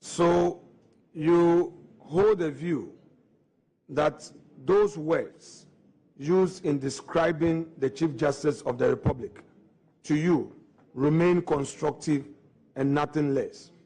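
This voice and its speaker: A higher-voiced man leads formal questioning at a parliamentary hearing. He drags out key phrases slowly and deliberately. He keeps returning to the same point, pushing for a clear answer. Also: warm tone. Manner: slow, deliberate, pressing questions. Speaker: committee member questioning the nominee.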